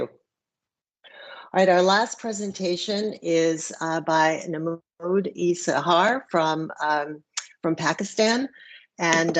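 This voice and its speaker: A woman chairing an online conference session over a video call, introducing speakers with many fillers. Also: low-pitched.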